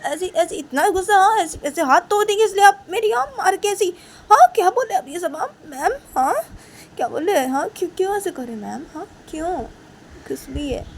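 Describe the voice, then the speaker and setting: A woman's voice: on the high side, gravelly, warm tone, husky, full character voice. A woman voicing a young female student who pleads and cries, repeating her questions in a whiny way, while telling a story. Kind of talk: storytelling role-play.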